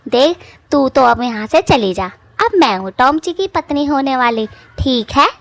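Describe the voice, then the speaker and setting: A brash bald witch from a cartoon story, voiced by a woman, all boasting and backtalk. She speaks in a fairly high voice with a rough, taunting village manner, and the recording is close and dry. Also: animated, a little slow, dry recording. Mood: dreamy boasting. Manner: mouthy village taunting speech, whiny when scared. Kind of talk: cartoon voice acting.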